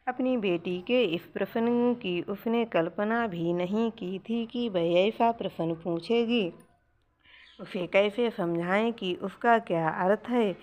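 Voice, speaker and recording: A woman's voice: mid-range voice, darkish tone. A woman narrating a moral family story, voicing mother and child dialogue with feeling. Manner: slow, emotive reading with voiced family dialogue.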